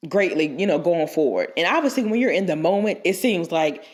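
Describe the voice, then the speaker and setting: On this casual advice podcast, the young co-host sounds congested from a cold and keeps restarting and filling as she rambles. Her voice is on the low side and a little mellow, animated and fairly quick.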